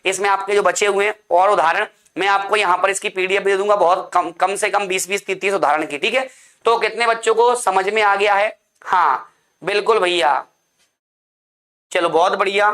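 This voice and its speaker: A man's voice: high-pitched, normal speed, a bit bright. A man teaching an online class, drilling points with repeated questions and answers and calling his students "beta".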